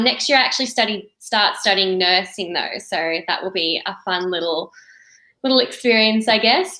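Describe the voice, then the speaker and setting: A woman in her twenties with an Australian accent, answering interview questions in a chatty, relaxed way with many likes and ums. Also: mid-range voice, roomy sound, poor audio. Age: 20s. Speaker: guest.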